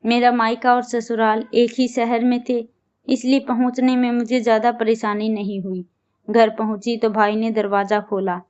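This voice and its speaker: A woman's voice: on the high side, smooth. Woman narrating a story, lo-fi. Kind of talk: first-person storytelling narration.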